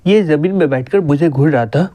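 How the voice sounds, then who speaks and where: A man's voice: a little high, brisk, dark tone, no room sound, close to an everyday voice. A man voicing an angry young female elf, indignant and accusing.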